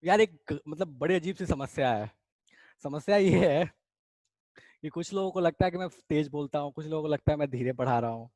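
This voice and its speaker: Guy teaching a chemistry class online, chatty, talks to students like kids, a bit high voice, dry close sound. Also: brisk, a little mellow, no echo. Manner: chatty, addresses students as beta, reads out their chat comments. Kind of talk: casual online class lecture.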